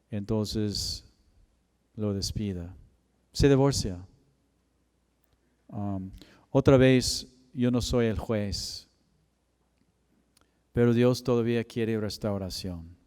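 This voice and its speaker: A man's voice: on the low side, dark tone, smooth. A man pastor preaching a sermon and telling a personal story with emotion. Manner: storytelling, emotional, slow and deliberate. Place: church chapel. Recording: long hall reverb.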